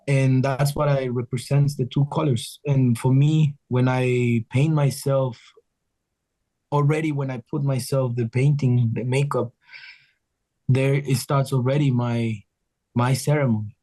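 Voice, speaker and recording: Heard over poor audio, this man's voice is medium in pitch and mellow. He is a guest musician from Ecuador in a casual interview, speaking earnestly in loose, wandering sentences with many restarts.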